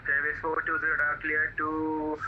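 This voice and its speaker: A man working as an air traffic controller, giving clearances in clipped radio phraseology, his radio chatter bleeding in under another speaker. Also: fairly high pitch, monotone, normal speed. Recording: dull lo-fi radio with faint noise.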